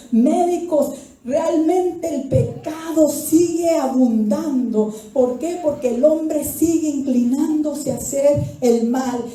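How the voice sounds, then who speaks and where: A woman's voice: high-pitched, mellow. Fervent woman pastor preaching in echoey hall. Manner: preaching fervently, often rising to cries. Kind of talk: sermon. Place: church sanctuary. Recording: very echoey church hall, mic far off.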